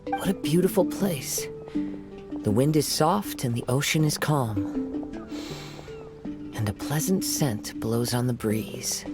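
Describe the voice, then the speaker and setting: A man voicing a gentle, polite young wanderer with a poetic way of speaking in a video game. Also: mid-range voice, takes it slowly, pauses often, natural voice. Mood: gentle, appreciative. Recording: clear music behind the voice.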